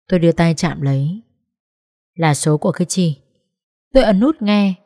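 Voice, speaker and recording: A woman's voice: on the low side, dark tone. A woman narrating a sad first-person story in an emotional, tearful way.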